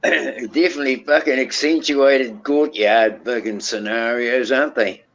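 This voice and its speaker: Slow, hesitant man on a dull line. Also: mid-range voice, fairly even intonation, a bit bright. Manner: slow, hesitant, swears casually. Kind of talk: casual chat.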